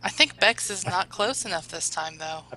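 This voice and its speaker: A woman's voice: fairly low pitch, expressive, normal speed, noisy background. A woman chatting casually as a player in a tabletop role-playing game.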